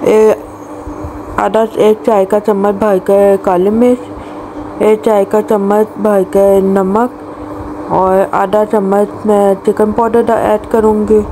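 A woman narrates a home cooking video, walking through each step in a plain, practical way and sometimes restarting a word. Her voice sits at an ordinary pitch for a woman. Clear background noise runs under her voice in a home kitchen recording. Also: flat delivery, takes it slowly. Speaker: cooking channel host. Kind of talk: recipe voice-over narration.

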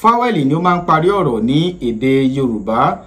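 A young man with a Nigerian Yoruba accent, a native Yoruba speaker, giving a deliberate, explanatory language lesson as an instructor. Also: fairly high pitch, sing-song, a bit bright. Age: young adult. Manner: deliberate, explanatory, repeats each point. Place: small indoor room, seated.

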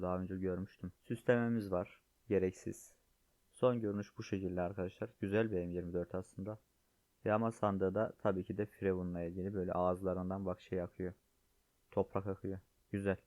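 Low-voiced sick man commenting on a game. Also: dark tone, no echo. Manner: chatty, addresses viewers as friends. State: sick, voice strained. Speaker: gaming YouTuber. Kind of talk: casual gameplay commentary. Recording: dull, lo-fi dry sound.

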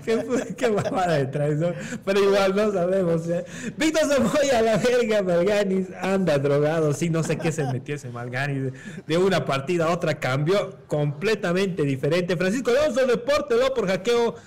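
Guy co-casting, high voice, reads chat and laughs a lot. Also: expressive, moderate pace, a little mellow. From Bolivia. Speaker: esports caster. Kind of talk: casual esports commentary.

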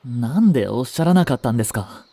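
Acting in a Japanese voice drama, a man voices a young butler who is devoted and jealous, speaking in a haughty, clipped, formal and polite manner that grows contemptuous toward a rival, while sounding concerned. His mid-range voice is warm and quick with lively intonation, and there is no room sound.

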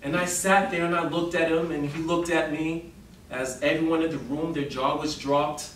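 A man giving a storytelling speech to an audience, animated and dramatic, with emphatic rises. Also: fairly high pitch, normal speed. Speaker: public speaker. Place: meeting room before an audience. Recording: roomy hall sound from a distant mic with faint noise.

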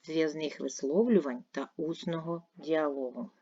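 A woman's voice: low-pitched, measured pace, mellow, husky. A woman teacher giving a primary school video lesson, explaining patiently and step by step. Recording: dull lo-fi dry recording.

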